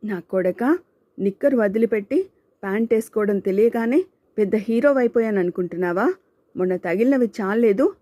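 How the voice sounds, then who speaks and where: An arrogant young male bully sneers and taunts, as a woman reads him in an audiobook. The voice stays close to her own dark, mellow tone. The sound is dry and close. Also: medium pitch, moderate pace, no echo, close to an everyday voice. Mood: sneering. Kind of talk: audiobook character voice.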